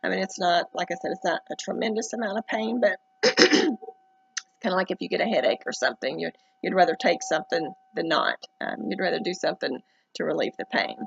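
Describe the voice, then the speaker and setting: A woman giving a casual first-person update to camera in a hesitant, halting way with many pauses. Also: lowish voice, creaky, lo-fi sound, slight background noise. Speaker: vlogger documenting recovery from eyelid surgery.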